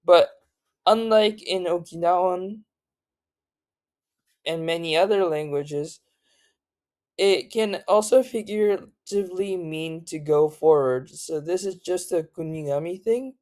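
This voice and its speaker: A tired language tutor giving a casual spoken lesson, halting often with fillers and self-corrections. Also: medium pitch, a little mellow, dry recording. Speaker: language teacher.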